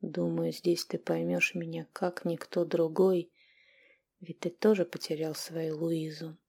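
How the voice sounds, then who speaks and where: A woman voicing a grieving, brooding male werewolf who talks in a hushed voice, often slow and whispered. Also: sits low, level tone, gravelly, husky, heavily acted. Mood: sorrowful.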